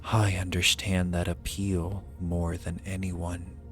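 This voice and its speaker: A man plays an ancient, proud dragon summoned as a familiar, speaking in a deep, slightly bright voice at an extremely slow, measured pace. His archaic, formal, imperious monologue is a theatrical ASMR roleplay, delivered completely flat yet sounding intrigued and approving. Music is clearly audible behind him.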